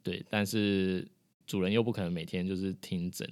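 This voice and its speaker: Very low-voiced woman. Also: fairly even intonation, normal speed, a little mellow, no echo, studio quality. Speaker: veterinarian. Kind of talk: casual podcast chat.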